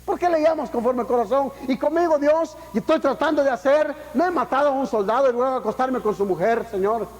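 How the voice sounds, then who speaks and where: A man's voice: extremely high pitch, a little fast, hardly any pauses. A man preaching a sermon as pastor, impassioned, with emphatic peaks and rhetorical questions, dropping casual English phrases into his talk. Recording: long echo of a church hall.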